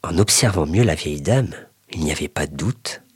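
Deep, husky man reading a story. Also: no echo, clean studio sound. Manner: expressive, measured narration.

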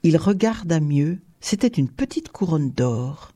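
A narrator reading a story in a measured audiobook manner. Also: mid-range voice, animated, dark tone.

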